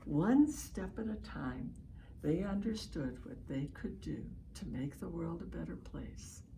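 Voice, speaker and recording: In an online session from home, a woman hosting a children's read-aloud shares a picture book in a voice on the low side, with clear background noise in the recording. Her intonation swings lively and her pace is unhurried. She lingers on phrases and encourages young listeners with little questions.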